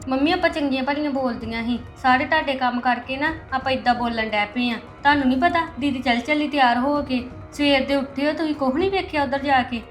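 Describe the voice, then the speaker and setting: A woman's voice: high voice, fairly quick, hardly any pauses, soft background music. A woman acting in a family drama, pleading with and talking back to her relatives. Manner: pleading, placating, argumentative. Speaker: actor in a family drama, a younger daughter-in-law.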